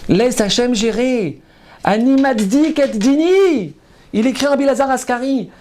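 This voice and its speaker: A man with a notably high voice delivers a fervent sermon as a rabbi. He repeats his phrases for emphasis and calls out often to his audience. His delivery sweeps from loud, soaring exclamations down to low, murmured asides. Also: lively intonation, measured pace, a little hiss or hum. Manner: emphatic and repetitive, often calling out to listeners. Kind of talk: impassioned sermon.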